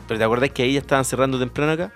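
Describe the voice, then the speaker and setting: A man's voice: mid-range voice, racing, fairly bright tone, faint music behind. A man with a Chilean Spanish accent, co-hosting a radio show in casual satirical banter, slangy and sweary.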